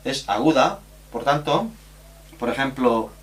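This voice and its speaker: A man delivers a recorded grammar lesson, slowly explaining rules and spelling out letters and examples. His medium-pitched voice is expressive, with slight background noise present.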